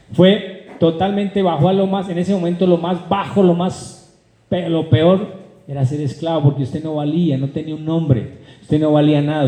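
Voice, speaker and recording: Animated preacher in an echoey church hall. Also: male voice. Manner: animated preaching, swings from loud high calls to low asides; addresses the congregation directly, asks rhetorical questions. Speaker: pastor. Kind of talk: sermon.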